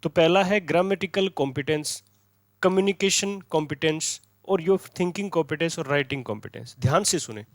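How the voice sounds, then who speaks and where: An Indian man leads an exam-prep lecture in a fairly high voice. He quizzes himself aloud and answers each question. The sound is dry and close, with no room echo. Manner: repeats key words as questions and answers them; switches into slow, deliberate English when reading questions. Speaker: teacher.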